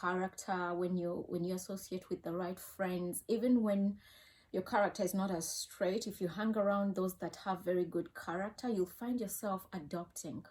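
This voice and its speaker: A woman's voice: lowish voice, steady tone, moderate pace, a little mellow. Earnest Ugandan mother giving advice. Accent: Ugandan English. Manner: earnest, cautioning, repeats herself. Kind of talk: casual advice talk.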